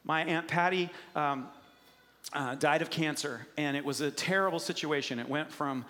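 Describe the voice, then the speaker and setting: A man preaching a sermon as pastor, telling stories and acting out quotes with lively energy. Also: on the high side, moderate pace, in a large hall. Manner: animated storytelling with acted-out quotes.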